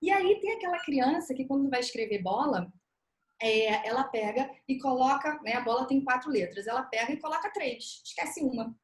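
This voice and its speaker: Speaking with a Brazilian Portuguese accent, a woman educator on a panel discussion explains things step by step, acting out parents' reactions. Her voice is high and animated, her speed normal, and the room sounds echoey.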